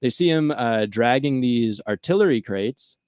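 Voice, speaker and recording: Male podcast host, animated storyteller, casual, dry recording. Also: medium pitch, unhurried, no echo.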